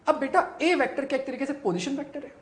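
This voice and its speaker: Woman teacher, slightly high voice, question-and-answer delivery, echoey room sound. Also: expressive, fast. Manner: asks students questions and answers them herself. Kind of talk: classroom physics lesson.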